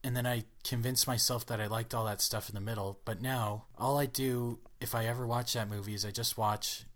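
A chatty young man in a casual podcast conversation, peppering his talk with "like" and slipping into quoted voices as he tells stories. His voice sits at an everyday mid pitch. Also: fairly even intonation, fairly quick, a bit bright. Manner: chatty, acts out quotes, says "like" often. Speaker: podcast co-host. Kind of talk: casual chat.

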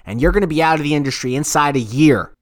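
Talking fast with lively intonation and a voice on the high side, this podcast co-host rambles profanely through his opinions on sports radio, repeating himself as he explains. The audio is studio quality, free of echo.

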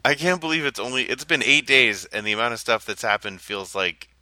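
A man's voice: medium pitch, animated, fairly quick, pushed and bright, no room sound. A man co-hosting a casual political podcast, thinking aloud and hedging with "I think" and "like.". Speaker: podcast co-host.

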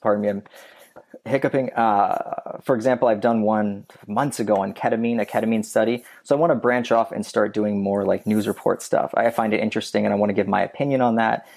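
A man's voice: fairly low pitch, steady tone, a little fast, gravelly, hardly any pauses, darkish tone. A man talking as a podcast guest in a casual, rambling way, with many restarts and fillers. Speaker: guest, YouTube creator.

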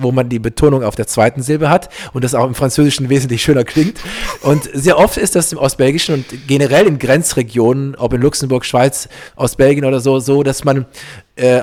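A man's voice: mid-range voice, a little mellow. A man hosting a casual podcast, talking loosely with many fillers and restarts. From East Belgium. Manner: chatty, many fillers and restarts, laughs easily. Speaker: podcast host. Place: podcast setup, Berlin.

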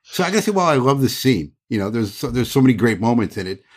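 A man's voice: medium pitch, sing-song, fast talker, slightly rough. A man hosting a podcast, chatty and opinionated as he discusses old film comedy scenes. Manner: chatty and opinionated, frequent laughs. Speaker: podcast host.

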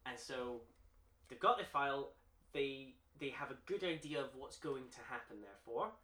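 A man's voice: mid-range voice, animated, normal speed, sharp tone. A man chatting casually as a podcast co-host, laughing often and enthusiastic. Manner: chatty, laughs often, puts on voices in jokes. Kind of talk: casual chat. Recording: echoey room.

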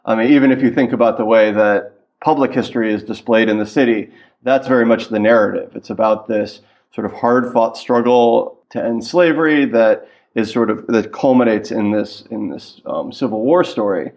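A man's voice: fairly low pitch, moderate pace, darkish tone. A man from Washington, D.C. answering interview questions thoughtfully over a remote line, with fillers and restarts. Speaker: guest historian. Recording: dull lo-fi call-in line.

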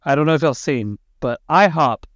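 A man's voice: on the high side, moderate pace, no echo. A man hosting a podcast, chatting casually in slang and swearing, acting out quotes as he tells stories. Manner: animated, slangy, sweary retelling with acted-out quotes. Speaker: podcast host. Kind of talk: casual chat and storytelling.

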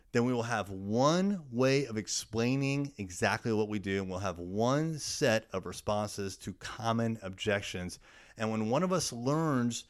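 A man giving a solo business talk as a podcast host, explaining in a coaching style with emphatic repetition of key words. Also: fairly low pitch.

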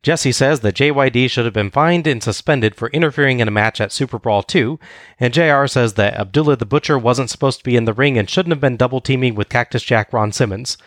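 A man's voice: mid-range voice, a little fast, dry recording. A man co-hosting a podcast, casually narrating a wrestling recap in a dry, wry way.

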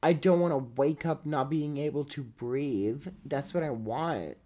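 Slow, blunt man, non-native English speaker. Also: a little high, mellow. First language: not English. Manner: blunt, sweary. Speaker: podcast co-host. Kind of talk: casual chat.

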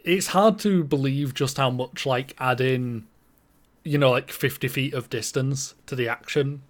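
A man of ordinary pitch talks wrestling in relaxed podcast chat. He explains things in a knowledgeable way and leans on fillers like "like" and "you know.". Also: unhurried. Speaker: podcast co-host. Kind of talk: casual chat about wrestling.

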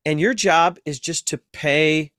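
A man's voice: on the high side, a little slow, fairly bright tone, clean tone, no room sound, studio quality. A man who is a seminary professor, a guest on a podcast, explaining ideas patiently with everyday comparisons. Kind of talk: explanatory interview talk.

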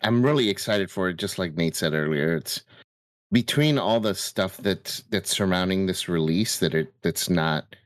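A man's voice: low voice, animated, normal speed, no room sound, clean studio sound. A man co-hosting a podcast, sharing his thoughts in casual discussion. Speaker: podcast co-host.

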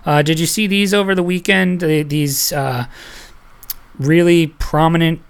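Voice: medium pitch, steady tone, a little slow, creaky, clear, resonant tone. A podcast host leading a casual panel chat, loose and rambling, laughing often and reading headlines aloud.

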